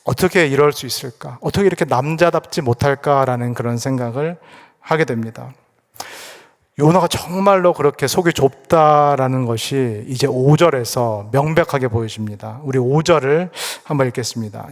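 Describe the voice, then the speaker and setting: A man's voice: mid-range voice, moderate pace. Korean male pastor preaching in echoey church. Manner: rhetorical questions, emphatic repetition. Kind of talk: sermon. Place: church sanctuary.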